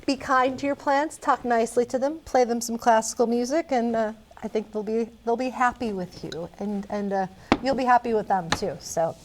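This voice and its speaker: Woman show host, pretty high voice, chatty and casual, kinda stumbles and repeats herself. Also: moderate pace, a little hiss or hum.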